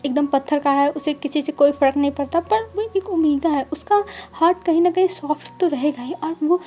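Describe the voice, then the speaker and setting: A woman's voice: high voice, fairly quick, mellow, faint music behind. A woman casually retelling a fan story in a chatty way, linking every line with "then he says". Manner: chatty, keeps repeating "then he says" links.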